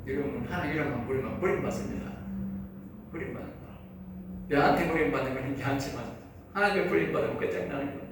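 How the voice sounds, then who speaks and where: Gravelly Gyeongsang Korean preacher in an echoey hall. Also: male voice, mid-range voice. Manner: conversational preaching with rhetorical questions. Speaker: pastor teaching at a seminary. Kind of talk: sermon lecture. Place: church lecture hall. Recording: echoey hall, mic far off, faint noise.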